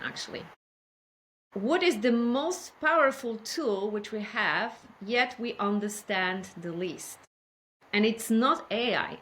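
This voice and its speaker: Lady on a podcast, talks slow and careful, lots of uh's. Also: on the high side, fairly bright tone, a little hiss or hum. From Poland. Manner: careful, measured, with many fillers. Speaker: podcast guest, healthcare innovation expert. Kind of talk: casual interview talk.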